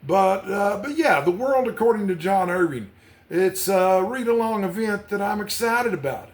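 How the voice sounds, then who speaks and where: Speaking at a moderate pace with an animated, high-sitting voice, this book channel host talks in a loose, rambling way. It's an unscripted, conversational vlog about books.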